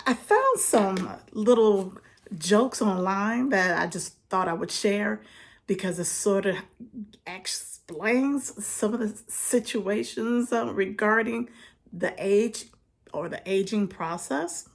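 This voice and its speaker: A woman's voice: medium pitch, takes it slowly, vocal fry. A woman in her fifties chatting casually to her viewers, laughing often as she talks. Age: 50s. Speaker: vlogger. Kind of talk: casual chat to camera.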